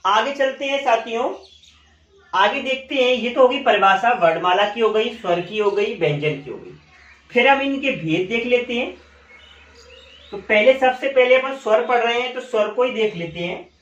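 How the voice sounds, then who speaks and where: A male teacher giving a classroom lesson, asking questions and answering them himself, and repeating key terms slowly. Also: very high-pitched, expressive, fairly bright tone. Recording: echoey room, dull lo-fi sound.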